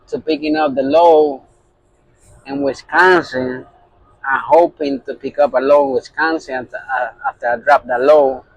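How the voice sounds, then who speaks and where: Speaking casually to camera on his phone, a Puerto Rican man who works as a truck driver rambles along, often restarting and using fillers. His voice is fairly high and creaky, the audio poor with a little hiss or hum.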